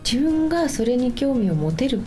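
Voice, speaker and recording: A woman's voice: high-pitched, sing-song, moderate pace, dark tone. A woman host speaking in a polite, conversational interviewing style. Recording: music behind the voice.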